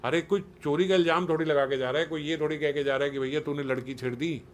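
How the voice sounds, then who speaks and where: A man's voice: on the high side, quick pace, a little hiss or hum. A man giving a conversational spiritual talk to a small group, earnest and persuasive, often putting questions to his listeners. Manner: questioning, quizzes listeners, acts out quotes in everyday voices. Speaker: spiritual teacher.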